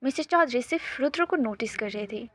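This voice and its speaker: A woman narrating a romance story in plain, steady storytelling. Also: fairly high pitch, brisk.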